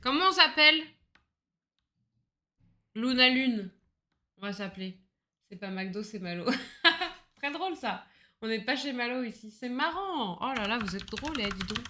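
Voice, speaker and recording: Woman streamer chatting casually, bright sharp voice, rambly and self-mocking, swears a lot. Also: on the high side, expressive, measured pace, pauses often. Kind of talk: casual gaming livestream chat.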